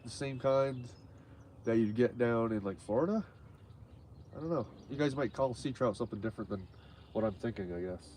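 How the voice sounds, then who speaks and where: Slight background noise sits under a medium-pitched, somewhat mellow male voice. He's a congested fishing streamer talking casually from the lake during a live broadcast, meandering with frequent fillers and restarts.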